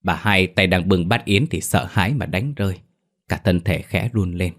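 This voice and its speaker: Male storyteller, very low voice, reads ghost stories and does all the voices. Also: normal speed. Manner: voices every character himself.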